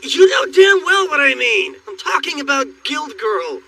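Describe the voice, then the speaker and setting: A boastful, rowdy young warrior in a dubbed anime, high for a man and swinging widely in pitch as he shouts and teases. He sounds set back from the mic, under a loud score. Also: expressive, normal speed, recorded from a distance. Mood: boisterous. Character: brash boastful young male spearman. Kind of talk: anime English dub.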